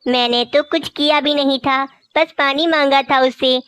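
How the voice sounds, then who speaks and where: A woman's voice: high voice, fairly even intonation, normal speed, fairly bright tone, dry recording. A woman voicing an elderly female crow, a meek mother-in-law in a cartoon, pleading and complaining. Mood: plaintive. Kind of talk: cartoon voice acting.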